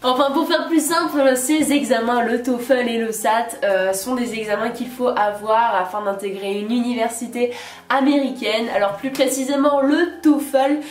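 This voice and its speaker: A woman's voice: fairly high pitch, normal speed. A young French woman vlogging in a chatty, playful way, filling her talk with little asides. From France. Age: young adult. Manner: chatty, many fillers and "hein", playful asides. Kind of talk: casual chat to camera. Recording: echoey room, mic at a distance, faint music.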